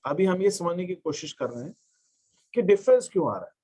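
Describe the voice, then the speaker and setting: A man's voice: high voice, very animated, mellow, husky, low-quality recording. A man teaching an accountancy class, explaining step by step and mixing English terms into his talk. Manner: dictates terms slowly while writing. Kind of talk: classroom lecture.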